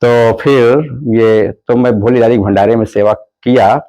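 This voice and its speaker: A man recounting his own story in a relaxed, rambling way, acting out the lines of the people in it. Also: mid-range voice, unhurried. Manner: acts out quoted dialogue in the story; plain, rambling spoken Hindi with restarts. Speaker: guest telling his life story. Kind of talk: conversational storytelling.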